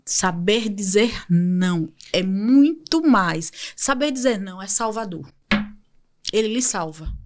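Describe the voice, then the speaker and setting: A woman's voice: medium pitch, lively intonation, takes it slowly, noisy background. A woman hosting a podcast, speaking enthusiastically and repeating her key phrases for emphasis. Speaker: podcast host, image consultant. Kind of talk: motivational podcast talk.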